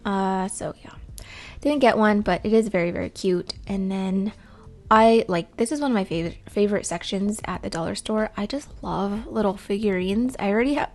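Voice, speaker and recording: Chatty woman with a gravelly morning voice. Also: mid-range voice, normal speed, a little mellow. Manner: chatty and rambling, with frequent ums. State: morning voice, a bit rough. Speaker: vlogger. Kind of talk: casual vlog voice-over.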